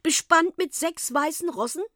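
A woman's voice: very high voice, moderate pace, pushed and bright, dry recording, clean studio sound, pitched above the performer's own voice. A woman voicing a fussy, impatient middle-aged bride-to-be in a storybook reading. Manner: impatient and insistent.

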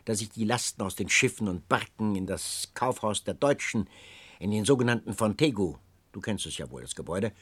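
A man's voice: fairly low pitch, lively intonation, moderate pace, breathy edge, no echo. A man voicing a poor, hot-tempered young laborer in an audiobook. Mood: angry. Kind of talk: audiobook character voice.

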